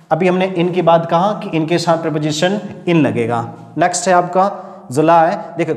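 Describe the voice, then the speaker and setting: A male teacher explains in Hindi and slows down to model English phrases in an Indian accent. His voice sits a little high for a man. It rings in a room with long, echoing reverb. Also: a little mellow. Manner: explains with many fillers and check-ins. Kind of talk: explanatory online lesson.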